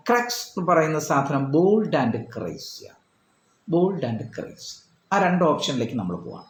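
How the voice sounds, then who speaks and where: Male English tutor, Malayalam accent, animated and repetitive delivery, echoey room. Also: fairly high pitch. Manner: repeats and rephrases points, fillers, explains patiently. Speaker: English teacher for exam prep. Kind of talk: explanatory lesson.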